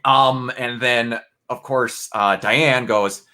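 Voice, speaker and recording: A man's voice: medium pitch, steady tone, slow pace, bright, forceful tone. A man in a casual spoiler review chat, rambling and acting out scenes in quoted voices. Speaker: game reviewer.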